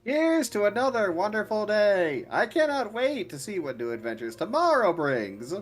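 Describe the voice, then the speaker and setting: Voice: medium pitch, big pitch swings, normal speed, faint music behind, pitched above the performer's own voice, natural voice. A player reading aloud the lines of an eager, upbeat caretaker of a child, cheerful and a little stilted. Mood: cheery. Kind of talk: reading game dialogue aloud.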